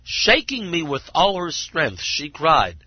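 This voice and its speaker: A man's voice: a little high, wildly swooping pitch, slow pace, slightly rough, dry recording, exaggerated voice. A man voicing a humble water carrier telling his story in plain, earnest words, in a dull lo-fi recording. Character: simple humble male water carrier, tearful.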